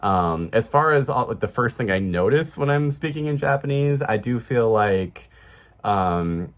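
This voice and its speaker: A man's voice: mid-range voice, lively intonation, a little slow. A man in his thirties with a Chicago accent, talking casually to camera in a rambling way, full of fillers and restarts. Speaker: vlogger.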